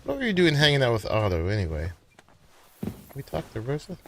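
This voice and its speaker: Animated man doing casual gameplay commentary. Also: medium pitch, a little fast, gravelly, slight background noise. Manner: chatty, musing aloud. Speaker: gamer commenting on own play.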